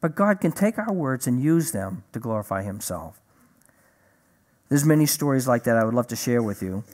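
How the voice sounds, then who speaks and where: A man preaching a sermon, telling a personal story in a lively way and acting out the conversations in it. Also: medium pitch, moderate pace. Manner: animated storyteller, acts out dialogue.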